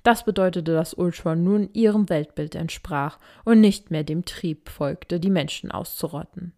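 Lady reading a story out loud, kinda low voice, steady and even. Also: measured pace. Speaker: fan fiction reader. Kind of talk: story narration.

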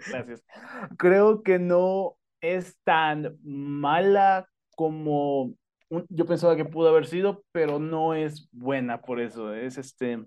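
A man gives his take on a film in casual podcast talk. His voice is a bit high for a man, and he swings between quick bursts and slow, drawn-out phrases, laughing along the way. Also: clear, resonant tone. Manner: animated, laughs, rushes and then slows.

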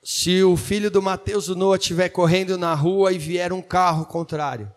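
Male church interpreter with a slightly high voice, translating a sermon line by line and fixing his words as he goes. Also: fairly even intonation, normal speed, soft background music. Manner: translating phrase by phrase, with small fillers and self-corrections.

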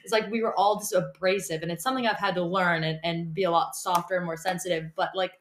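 A woman's voice: fairly low pitch, fairly even intonation, quick pace, roomy sound, slight background noise. A woman co-hosting a podcast in casual chat, blunt and laughing often, swearing freely. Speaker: podcast co-host.

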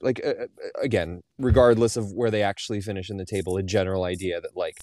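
A man's voice: low voice, fairly even intonation, fast, darkish tone, dry recording, clean studio sound. A man co-hosting a casual soccer podcast, rambling with lots of restarts and filler words. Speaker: podcast co-host.

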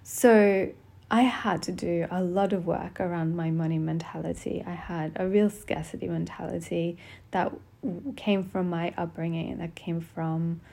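A woman podcast host speaks in a tender, gentle way, as if confiding in one listener. Her voice is soft and mellow, with plenty of creak, and she takes her time. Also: lowish voice, steady tone, measured pace. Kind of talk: intimate solo podcast talk. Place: small closed bedroom at home. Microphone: podcast microphone.

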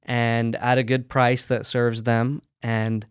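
A man who runs a sock company, talking through his business in a relaxed, practical way during an interview. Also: medium pitch, slow, clean tone, no echo, clean studio sound. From United States. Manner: relaxed, practical, talks in run-on explanations. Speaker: sock company owner, guest. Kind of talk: casual interview conversation.

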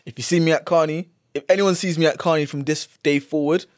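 A man with a London roadman accent and a slightly high voice, recorded close and dry. He banters casually in thick street slang, driving his points home with emphatic repetition. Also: steady tone, quick pace, dry recording. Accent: London, urban roadman slang. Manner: slangy, emphatic, repeats phrases for effect. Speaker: podcast co-host.

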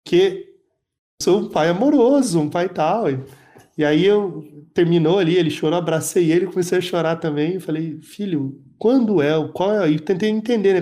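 A man, telling an emotional personal story as a panel guest, reflective and halting. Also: a little high, dark tone. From Brazil.

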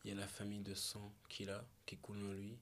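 A man from Malawi talking slowly and thoughtfully as a podcast guest, with searching pauses and restarts. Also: lowish voice, completely flat delivery, a bit bright, slight background noise. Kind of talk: reflective conversation.

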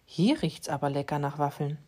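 A man voicing a kind woman who owns the cat, speaking gently in a bedtime story. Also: a little high, moderate pace, lightly acted. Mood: caring. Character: kind adult woman, the cat's owner.

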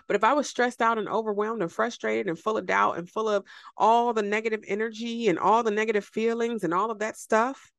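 Gravelly, emphatic woman podcast host. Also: mid-range voice, no echo. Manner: emphatic, preachy, repeats phrases for effect; laughs often, talks straight to listeners. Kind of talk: motivational podcast monologue.

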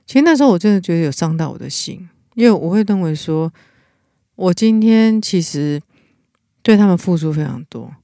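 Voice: mid-range voice, animated, a little fast, warm tone, no echo, studio quality. 台湾口音的老师，说话恳切. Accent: Taiwanese Mandarin. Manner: earnest, with frequent restarts. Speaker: teacher, podcast co-host. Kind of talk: casual chat, personal story.

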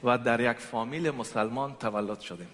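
A guest preacher from Afghanistan, a native Persian speaker with an Afghan accent, delivers a sermon with personal testimony in short bursts, pausing for an interpreter. His medium-pitched voice is rapid-fire and fairly bright. A long reverb fills the large, echoing church hall.

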